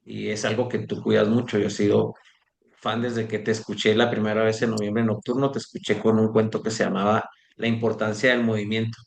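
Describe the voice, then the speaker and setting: A man's voice: fairly low pitch, little pitch movement, fairly quick, creaky. Man moderating an online book talk. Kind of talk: reading audience questions, chatting. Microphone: video call.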